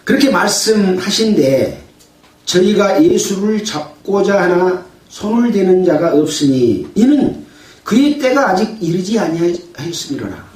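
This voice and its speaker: A man's voice: sits high, sing-song, measured pace, a little mellow, distant mic. A male pastor preaching a sermon. He asks the congregation questions, answers them himself, and raises his voice to act out quoted sayings. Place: church. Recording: echoey room, voice from afar.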